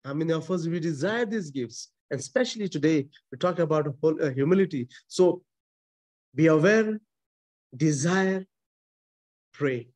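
Over a video call from a small chapel, an Indian-accented priest in his forties delivers an emphatic, repetitive sermon, gesturing and frequently restarting; English is not his first language. His fairly high voice has lively intonation, a moderate pace, long pauses, and a slight mellowness. A close webcam picks him up.

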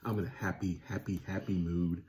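A man with a very low voice chats casually at home beside his co-host. He is playful and chimes in with short agreeing remarks while getting over a sore throat. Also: level tone, a little fast, a little mellow. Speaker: vlog co-host. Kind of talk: casual chat.

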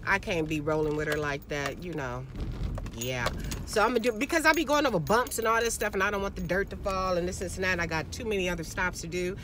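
This forty-something vlogger, sitting in a parked car, keeps up a casual, loose chat with viewers and keeps calling them "girl," recorded by a phone at arm's length. Her voice is fairly low and fast against a noisy background.

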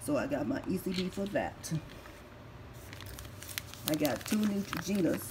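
A woman in her fifties with a raspy, lowish voice shows off her product haul casually, using lively intonation at a measured pace. She's a couponing vlogger recovering from surgery who methodically reads prices off receipts. Her phone camera is held over the items in an echoey home room with faint background noise.

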